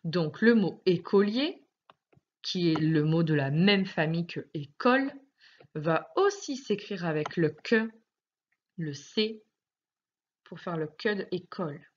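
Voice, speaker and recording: A woman teacher with a French accent, giving a recorded phonics lesson to young children, speaking slowly and articulating every word with sing-song emphasis. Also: lowish voice, animated, muffled recording. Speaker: primary school teacher.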